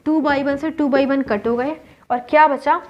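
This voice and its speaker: A woman's voice: sits high, steady tone, unhurried. A woman maths teacher with an Indian accent, explaining a whiteboard lesson step by step and asking and answering her own questions. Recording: dull lo-fi recording.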